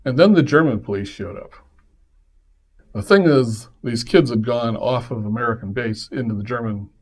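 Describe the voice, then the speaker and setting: Guy on a podcast telling a story from his life, lively, does the voices of people in it, mid pitch. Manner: lively, acts out quoted voices in his stories. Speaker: podcast host. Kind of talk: casual personal storytelling.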